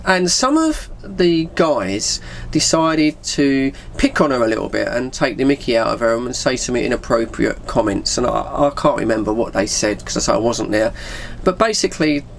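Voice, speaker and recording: A middle-aged Englishman vlogs personal stories, rambling casually through an anecdote packed with informal British slang and acting out bits of dialogue. His medium-pitched voice is animated and a bit creaky, at normal speed, with a little hiss or hum in the recording.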